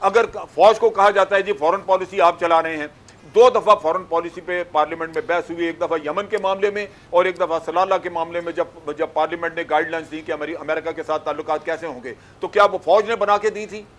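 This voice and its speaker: Combative high-voiced man on a panel. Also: steady tone, brisk, a bit bright. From Pakistan. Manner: combative, cuts in with blunt objections. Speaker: panel guest, retired general. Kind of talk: talk show debate.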